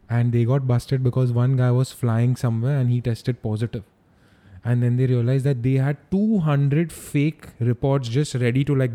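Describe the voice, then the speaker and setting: A man's voice: medium pitch, warm tone. A young man with an Indian accent chatting casually, using slang and often repeating phrases for emphasis. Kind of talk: casual chat.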